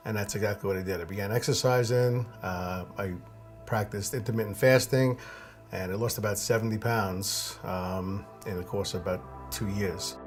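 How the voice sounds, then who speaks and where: A man's voice: fairly low pitch, fairly even intonation, moderate pace, faint music behind. A man giving a plain, matter-of-fact interview testimonial.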